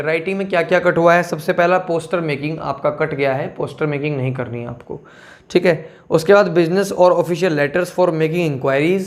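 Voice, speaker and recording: A man with a fairly high voice explains a syllabus to students in a casual, talky lesson. He checks in with "theek hai" after nearly every point and calls them children. His pace slows sharply whenever he reads out technical terms. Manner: switches between slow read-out terms and quick asides.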